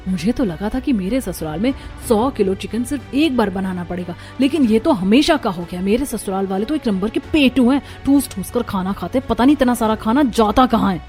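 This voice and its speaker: A woman's voice: on the high side, expressive, brisk, hardly any pauses, darkish tone, faint music behind, close to an everyday voice. A woman voicing an overworked young daughter-in-law in a cartoon, complaining and exasperated. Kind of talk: Hindi cartoon voice acting.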